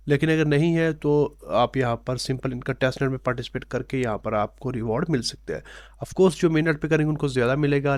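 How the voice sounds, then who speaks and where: A man hosting a casual screen-share explainer, talking steadily and mixing in English tech terms, pausing with "uh" fillers as he goes. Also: medium pitch, dry recording, studio quality. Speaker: crypto channel host.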